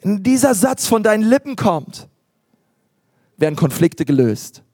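A man preaching a sermon, emphatic and animated, with repetitions and acted asides to the congregation. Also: high voice, unhurried, no echo, clean studio sound. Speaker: pastor.

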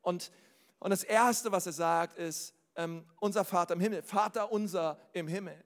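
Guy preaching, kinda high voice, super casual, keeps going "okay?" to the crowd, loud one sec, soft the next. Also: moderate pace, in a large hall. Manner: casual and direct, often asks the crowd "okay?"; swings between loud calls and quiet, low asides. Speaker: pastor. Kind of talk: lively sermon to a congregation. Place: hall with a live congregation.

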